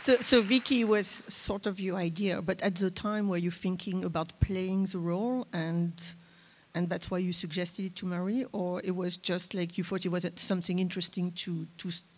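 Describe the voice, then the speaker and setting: A woman moderator speaks into a handheld mic on a large theater stage. She asks her questions gently and hesitantly, using many fillers. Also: lowish voice, steady tone, moderate pace. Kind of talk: festival panel moderation.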